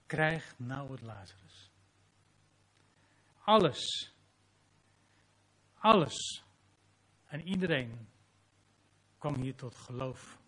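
A man's voice: mid-range voice, takes it slowly, a bit bright, slightly rough. A man preaching a sermon as pastor, reading scripture dramatically and closing in prayer.

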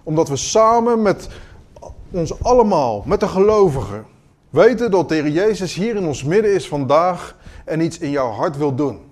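A man preaching a sermon in an earnest, questioning way, moving between quiet moments and emphatic ones. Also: fairly high pitch, expressive, normal speed.

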